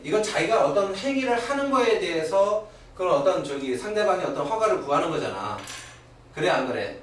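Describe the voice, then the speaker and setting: Animated male teacher in echoey classroom. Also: high-pitched. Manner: animated, keeps asking "그지?" and "오케이?". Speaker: English teacher. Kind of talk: classroom lecture. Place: academy classroom. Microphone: far camera. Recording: very echoey old classroom recording from far off, faint hiss.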